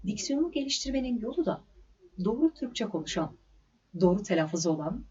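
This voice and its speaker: A breathy woman teaching a diction class in a measured, carefully articulated lecture. Her mellow voice rises and falls in lively, emphatic stresses. The recording sounds slightly dull and lo-fi. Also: mid-range voice. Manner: clear, measured delivery with deliberate stresses and pauses. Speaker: diction instructor.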